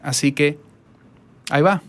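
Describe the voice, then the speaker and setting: Relaxed Latin American man introducing his podcast. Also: on the high side, measured pace. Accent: Latin American Spanish. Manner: relaxed, conversational, with fillers and restarts. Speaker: podcast host and voice-over artist. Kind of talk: casual spoken introduction. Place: his recording studio.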